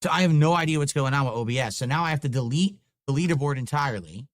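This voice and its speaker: A young man streaming live, chatting casually and getting frustrated and swearing while fixing his stream software. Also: mid-range voice, lively intonation, fast, no echo, studio quality. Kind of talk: casual livestream chat.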